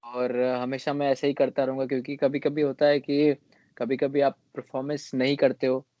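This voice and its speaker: Male cricketer in his 20s, interview guest, halting delivery with fillers, dry lo-fi recording. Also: mid-range voice, level tone, warm tone, no room sound. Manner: hesitant, many fillers and restarts. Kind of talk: casual interview answers.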